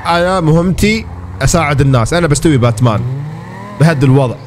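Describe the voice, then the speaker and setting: A man's voice: a little high, expressive, quick pace, noisy background. A man giving casual, exclamatory commentary as he plays a game and talks to his viewers. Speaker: gaming streamer.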